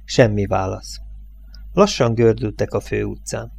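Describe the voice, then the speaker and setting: A man narrating a novel as an audiobook, reading in a measured, steady way. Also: lowish voice, gravelly. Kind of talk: scripted narration.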